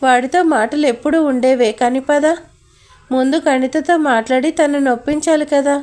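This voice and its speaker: A woman reads a cheerful aunt figure in a spoken storybook, light and teasing. Her high voice stays easy and natural. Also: fairly even intonation, normal speed, a little mellow, close to an everyday voice.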